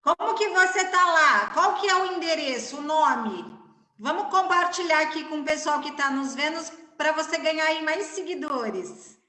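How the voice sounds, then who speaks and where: Bright-voiced woman moderating in a roomy space. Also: high-pitched, lively intonation, moderate pace. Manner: encouraging, addresses the audience directly. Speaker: event mediator. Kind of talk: moderating an online event. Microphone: video call. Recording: roomy echo.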